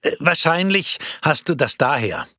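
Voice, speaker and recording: A man voicing a calm, matter-of-fact friend speaking over a video call in a read-aloud story. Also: on the high side, normal speed, no echo, clean studio sound, pitched above the performer's own voice, exaggerated voice. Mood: calm, reasoning.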